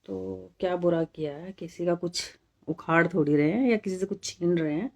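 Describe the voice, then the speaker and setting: A middle-aged woman from India hosts a casual live stream, speaking straight to viewers, firmly rebutting comments and repeating her points for emphasis. Her voice is on the low side with vocal fry, at a moderate pace.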